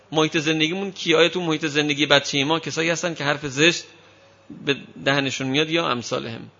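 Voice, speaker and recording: Bright-voiced man giving a parenting talk. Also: fairly high pitch, highs cut off. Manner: lively storytelling that acts out quoted parents and children. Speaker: parenting lecturer. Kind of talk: speaking to an audience on child upbringing.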